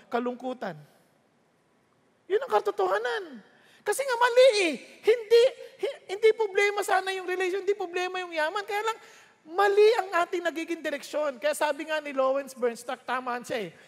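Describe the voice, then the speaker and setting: A preacher with a Filipino accent, giving a sermon with animated storytelling and mixing two languages. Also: high voice, in a large hall. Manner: animated storytelling, switching between Tagalog and English.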